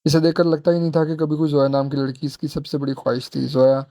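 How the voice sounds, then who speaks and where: A man narrating a romance novel aloud in a steady storytelling way. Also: a little high, fast talker. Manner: steady storytelling, with small restarts.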